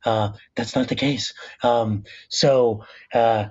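An American man with a rough smoker's rasp, explaining ideas in a measured, thoughtful interview style. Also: mid-range voice, steady tone, a little mellow, highs cut off. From Southern California, United States. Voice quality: raspy, rough smoker-like rasp from a speech disorder. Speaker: professor and author, interview guest.

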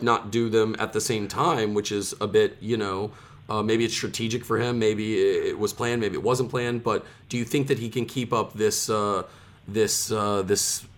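A man's voice: on the low side, fairly bright tone. A man hosting a podcast, asking long rambling questions full of stumbles and restarts. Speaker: podcast host. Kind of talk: casual podcast banter.

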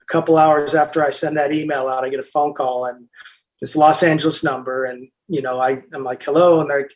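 A man, an author and interview guest, telling a story in a casual, animated way with frequent restarts and bits of quoted dialogue. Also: fairly high pitch, fairly quick, poor audio.

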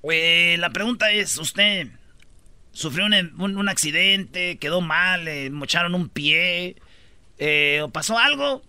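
A male radio host introducing a segment in an animated way. His voice is high and very bright, and it sounds dry and close to the mic. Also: takes it slowly, clear, resonant tone, no room sound. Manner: animated, acts out quotes.

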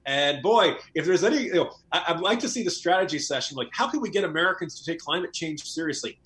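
A man with a fairly high voice that swings up and down a lot, trading jokes on a political podcast. He talks casually and wryly, full of sarcasm. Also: fast. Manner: wry, joking, animated. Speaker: podcast co-host.

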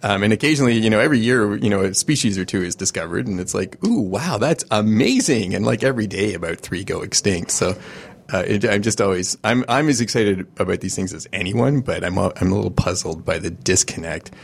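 Gravelly, very deep-voiced man. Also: fast. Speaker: podcast panelist. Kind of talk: casual podcast discussion.

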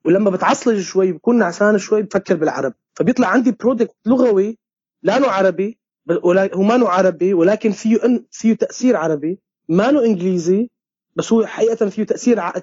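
Man with a Homs Syrian accent, high voice, very fast, husky, halting restarts, dull lo-fi recording. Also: a little mellow, no echo. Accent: Syrian Arabic, Homs. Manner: halting, many restarts, slips into English words. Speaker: playwright and theatre director. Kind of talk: conversational interview answer. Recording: dull lo-fi sound.

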